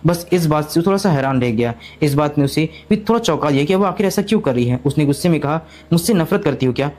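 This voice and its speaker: A man narrating a storybook recap in rapid, continuous storytelling with frequent restarts. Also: a little high, expressive, a little mellow.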